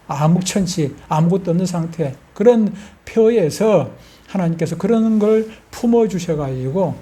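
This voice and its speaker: Older Gyeongsang pastor, folksy preacher who quizzes his flock; mellow, dark tone. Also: on the high side. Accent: Gyeongsang Korean. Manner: folksy, asks the congregation questions. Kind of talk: sermon.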